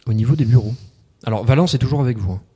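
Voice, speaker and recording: A man's voice: medium pitch, racing, warm tone, slightly rough. A man improvising narration as the game master of a tabletop role-playing game, hesitant and often correcting himself as he describes scenes. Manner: hesitant, self-correcting, piecing descriptions together.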